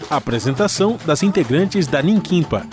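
A man's voice: fairly high pitch, expressive, moderate pace. A Brazilian man reading a scripted podcast intro as an announcer. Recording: loud music behind the voice. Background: music.

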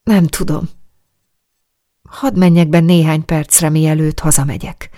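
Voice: medium pitch, fairly even intonation, warm tone, no room sound, clean studio sound, lightly acted. A reader doing a shy, stumbling young porter. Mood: earnest. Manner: earnest, stumbling and apologetic. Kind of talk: audiobook dialogue.

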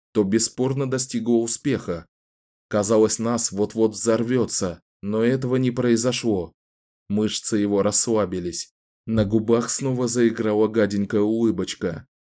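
A man's voice: lowish voice, dark tone. Man narrating a dramatic audiobook. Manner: measured, dramatic storytelling.

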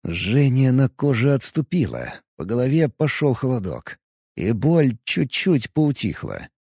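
A man narrating a first-person audiobook in an expressive, lively way. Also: medium pitch, unhurried, vocal fry, breathy edge, no echo, clean studio sound.

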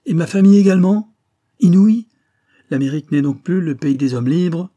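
A man voicing a calm, firm, older American billionaire with a stately manner, in an audiobook. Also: a little high, moderate pace, dull audio, pitched above the performer's own voice, close to an everyday voice. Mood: indignant. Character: older male American billionaire, phlegmatic, stubborn.

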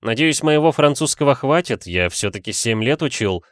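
A man's voice: medium pitch, expressive, normal speed, no room sound, clean studio sound, voice pushed up, close to an everyday voice. A man doing a fawning gallant detective. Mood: businesslike. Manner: florid, fawning, theatrical. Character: fawning flowery male police detective, shameless gallant. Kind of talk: audiobook character voice.

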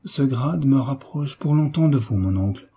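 A man's voice: mid-range voice, lively intonation, moderate pace, dark tone, breathy edge, voice pushed up. A man voicing an earnest young officer who speaks with hesitant, moved sincerity.

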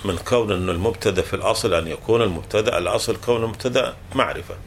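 A man's voice: on the low side, very fast, a little hiss or hum. Patient man teaching grammar, repeating rules. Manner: patient and repetitive, restating each rule several times with self-corrections. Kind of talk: explaining a classical grammar text to a student.

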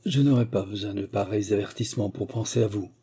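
Man reading a young heroine, gentle, firm, restrained, husky dark voice, storybook. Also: lowish voice, fast. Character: gentle young woman, tender but firm.

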